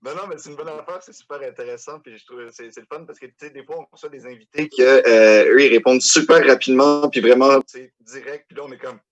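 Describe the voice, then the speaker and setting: A man's voice: mid-range voice, fairly even intonation, fast talker, few pauses, highs cut off. A man hosting a casual interview, asking loose, easygoing questions with plenty of fillers. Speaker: podcast host.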